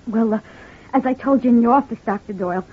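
A high, husky female voice plays a distraught young wife in 1940s-50s radio crime drama, haltingly confessing that she shot her abusive husband. She comes across hesitant and emotional. The old radio recording is thin and muffled.

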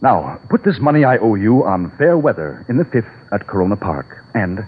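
An actor playing a breezy, smooth-talking gambler in a 1940s radio drama, heard over an old, tinny broadcast. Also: male voice, lowish voice, very animated, moderate pace.

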